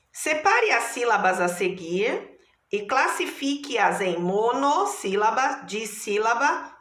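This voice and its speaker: Slow, bright-voiced Brazilian teacher woman. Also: a little high, echoey room. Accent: Brazilian Portuguese. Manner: patient, spells words out slowly syllable by syllable. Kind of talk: online class lesson.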